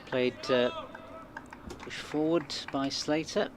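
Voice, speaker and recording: A man's voice: medium pitch, steady tone, slow pace, slight background noise. A man giving live ball-by-ball commentary as a cricket commentator.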